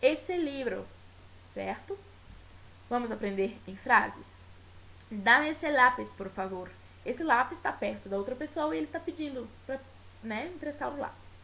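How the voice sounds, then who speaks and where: A Brazilian woman teacher giving a recorded Spanish lesson with a Brazilian Portuguese accent. She explains patiently and keeps checking in with her class. She stretches out example words slowly so they can hear the pronunciation. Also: on the high side, animated, vocal fry, sharp tone, rough recording. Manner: checks in often with tag questions. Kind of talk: recorded school video lesson.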